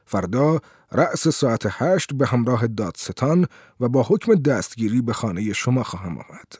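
A cunning revolutionary prosecutor, voiced by a man reading an audiobook, who threatens in a silky, smooth-tongued manner. The voice is mellow and dark, and the recording is close and dry. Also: mid-range voice, very animated, no room sound. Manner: oily, silky menace.

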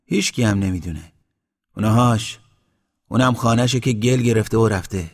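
A loud, blunt old village man calls out across the yard in plain country speech, as a deep-voiced man puts him on in a storybook reading. He sounds curious and direct. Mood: calling, blunt.

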